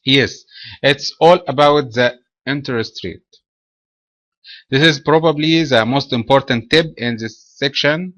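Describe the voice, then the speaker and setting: A man from Egypt presenting a trading webinar in a measured, explanatory way. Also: medium pitch, fairly bright tone, dry recording.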